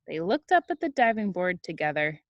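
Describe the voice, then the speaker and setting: Female kindergarten teacher, slightly low voice, dry recording, expressive read-aloud with casual asides to the class. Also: fairly quick, dry recording, lo-fi sound. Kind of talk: read-aloud storytime for young children.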